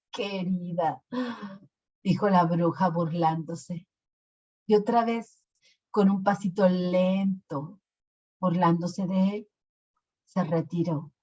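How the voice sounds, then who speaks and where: Slow, expressive woman storyteller. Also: fairly low pitch. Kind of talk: storytelling narration. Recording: lo-fi recording.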